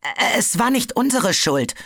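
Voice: mid-range voice, expressive, normal speed, fairly bright tone, dry recording, clean studio sound, voice pushed up, lightly acted. A storybook narrator voicing a nervous male dragon who stammers and hesitates. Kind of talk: audiobook character voice.

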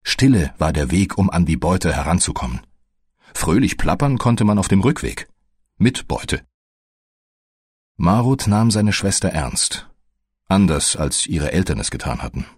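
Deep husky guy reading a story slow and careful, lots of rise and fall. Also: no echo, clean studio sound. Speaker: narrator. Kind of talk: scripted audiobook narration.

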